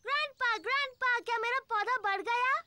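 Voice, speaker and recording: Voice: very high voice, normal speed, sharp tone, a little hiss or hum, exaggerated voice. A performer voicing a cheerful, bossy little girl piglet in a children's cartoon dub, exclaiming in a childlike way. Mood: excited. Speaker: cartoon voice actor.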